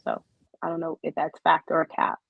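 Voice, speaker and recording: A man appearing as a guest on a casual sports podcast, hedging and slow to commit to an answer. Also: a little high, monotone, gravelly, husky, no echo, narrow, tinny audio. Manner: hedging, undecided.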